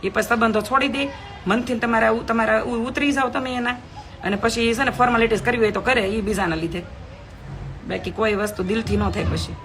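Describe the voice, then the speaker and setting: A woman's voice: fairly high pitch, fairly even intonation, a little fast, a bit bright, faint music behind. Outspoken woman streaming live. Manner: outspoken, emphatic, reads out comments. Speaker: live video host. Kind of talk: live stream talk to viewers. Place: home.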